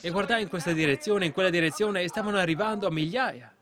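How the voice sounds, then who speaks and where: A man's voice: high-pitched, fast, a crowd in the background. A man preaching a sermon, earnestly recounting a vision and repeating himself as he quotes the voices he heard.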